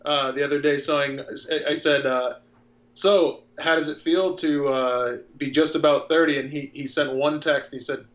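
A man's voice: fairly high pitch, fairly even intonation, unhurried, a bit bright. A man in his thirties, a filmmaker guest in a casual interview, talking in a reflective, earnest way. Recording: dull lo-fi sound.

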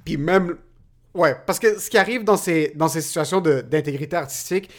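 A Québécois man with a somewhat high voice trades quick, slangy banter. He talks with energy and easily acts out little scenes. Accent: Québécois French. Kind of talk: casual podcast chat.

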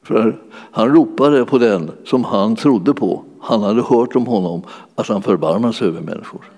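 A man's voice: lowish voice, darkish tone. A man preaching a sermon in a church hall, in a conversational way that keeps searching for words with many fillers. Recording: long hall reverb.

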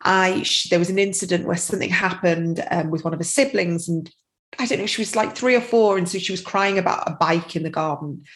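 A woman's voice: fairly low pitch, fairly quick, poor audio. Chatty middle-aged woman guest. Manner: chatty and rambling, fills with "you know" and "like". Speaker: guest, tapping practitioner and parent. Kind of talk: casual podcast interview.

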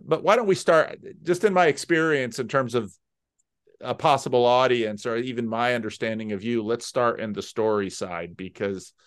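A man hosting an interview, his voice smooth and resonant. He asks gentle, searching questions and circles back to restart his phrasing. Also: medium pitch, normal speed. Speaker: interviewer, host. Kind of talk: casual interview.

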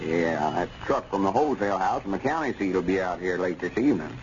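An actor playing a self-important old country storekeeper with a rural Southern US accent and a folksy drawl in an old radio comedy serial. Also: male voice, sits low, lively intonation, fast. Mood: concerned. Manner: folksy, drawling, rustic grammar. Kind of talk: 1930s-40s radio comedy serial acting. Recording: muffled, noisy old radio recording.

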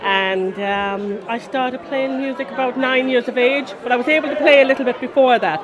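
A folk musician in her forties from Connemara in the west of Ireland chats and rambles through stories in a casual interview, her accent marking her roots. Her voice is high and moderately paced, with a busy post-concert crowd murmuring behind her.

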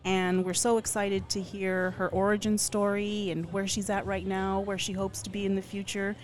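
A woman co-hosts a casual podcast at a middle pitch. She chats and introduces her guest with an easygoing manner. She laughs readily between her lines. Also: level tone, normal speed. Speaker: podcast co-host. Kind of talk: casual chat and interviewing. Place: at a bakery on location.

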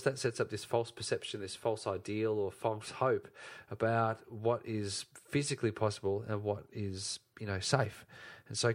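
A man co-hosting a casual health podcast, emphatic and repeating his key points. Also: fairly low pitch. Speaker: podcast co-host.

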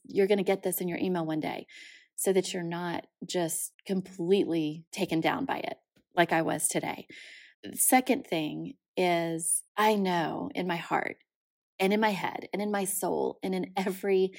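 A woman's voice: medium pitch, a little mellow. Tearful woman laughing through a raw monologue. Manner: emotional, laughing through tears, with many restarts. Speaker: podcast host. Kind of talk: unscripted personal monologue.

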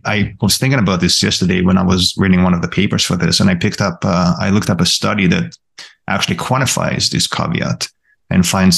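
Low gravelly male academic, casual talk with many restarts. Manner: thoughtful, many restarts and repeated words. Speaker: podcast co-host, college professor.

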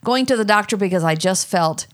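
A woman's voice: lively intonation, brisk. Earnest middle-aged woman telling her story. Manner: earnest storytelling, voice jumps high when quoting herself. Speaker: mother. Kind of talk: candid personal conversation.

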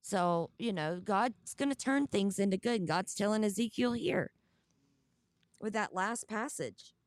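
A woman's voice: medium pitch, animated, a little slow, no echo, studio quality. A woman with a Southern US accent hosting a casual Bible study livestream, talking in a chatty way with fillers. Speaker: host.

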